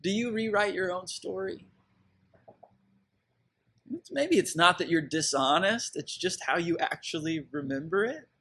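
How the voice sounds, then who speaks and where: A man's voice: sits high, expressive, a little slow, long pauses, sharp tone, husky. A man, preaching a sermon in a conversational, reflective way with fillers and restarts. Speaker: pastor.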